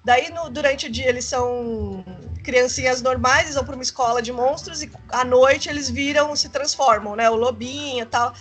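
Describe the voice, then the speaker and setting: A woman's voice: high-pitched, moderate pace, faint music behind. A woman in a casual chat, telling things with enthusiastic, chatty delivery.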